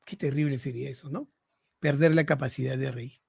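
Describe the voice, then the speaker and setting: A man's voice: medium pitch, fairly even intonation, brisk, gravelly, husky. A man in his sixties, a physician giving a lecture-style podcast talk, often turning to his listeners with rhetorical questions. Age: 60s. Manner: rhetorical, keeps asking listeners "¿no?".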